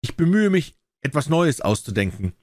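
A man voicing a crippled male court jester dwarf who speaks flatly and without expression. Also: on the high side, moderate pace, no room sound, clean studio sound, voice pushed up. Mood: dazed. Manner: flat, expressionless.

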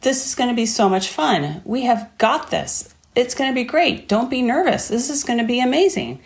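A woman's voice: on the high side, animated, moderate pace, gravelly, voice pushed up. A woman voicing her male horse as a cheerful, confident, encouraging partner. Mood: excited. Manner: bright reassuring upbeat chatter.

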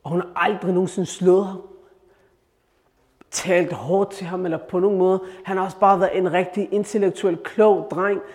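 A male preacher tells a religious story in an animated way, often turning to his listeners with questions. His slightly high voice carries a long echo through a reverberant hall.

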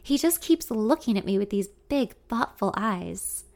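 A young adult woman narrating a first-person story in an intimate, expressive way. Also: mid-range voice, a little slow, gravelly.

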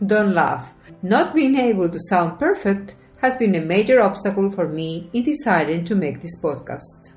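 Earnest woman coach with lively pitch. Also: normal speed, roomy sound, soft background music. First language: not English. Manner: earnest, encouraging, reads from a script. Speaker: podcast host, life coach. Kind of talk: scripted motivational monologue.

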